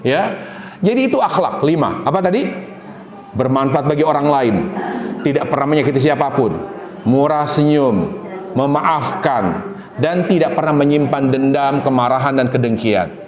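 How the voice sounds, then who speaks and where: Animated preacher, echoey hall. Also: male voice, moderate pace. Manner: animated, jumps high in pitch and acts out wife and husband in quoted lines. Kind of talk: humorous sermon to a congregation.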